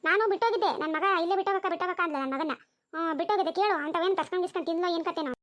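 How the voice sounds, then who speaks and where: A woman's voice: very high voice, racing, dull audio. A woman voicing a fussy, preachy neighbor mother in a cartoon, gossipy and lecturing.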